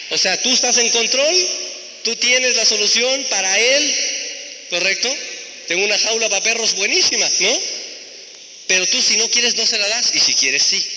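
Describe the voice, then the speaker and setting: A man's voice: high-pitched, bright, forceful tone. A man giving a sales training talk to an audience, asking rhetorical questions and acting out both sides of conversations. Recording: echoey hall with long reverb.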